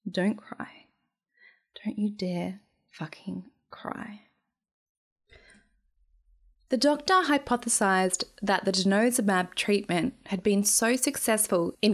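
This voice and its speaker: A young woman reading her own memoir aloud in a dry, wry storytelling manner. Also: medium pitch. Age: young adult. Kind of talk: memoir narration.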